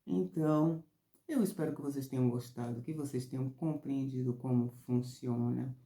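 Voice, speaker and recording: A Brazilian woman therapist talks her viewers through a lesson in a loose, expressive way. Her voice is mellow and gravelly. The room around her rings with a noticeable echo. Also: normal speed. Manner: expressive, rises high and loud when excited. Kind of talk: casual teaching talk. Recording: roomy echo.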